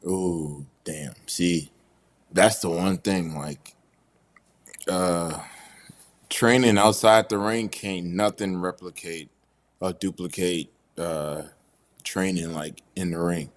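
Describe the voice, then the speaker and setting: A man's voice: low-pitched, fairly even intonation, slow pace. A man guesting on a podcast, talking in a laid-back, slangy way. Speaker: wrestler guest. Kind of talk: casual interview chat.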